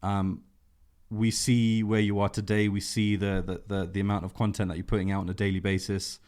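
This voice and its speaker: Host read: man, lowish pitch, enthusiastic and rambling, casual interview chat. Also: level tone, fairly quick, darkish tone. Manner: enthusiastic, full of fillers and restarts. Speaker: podcast host.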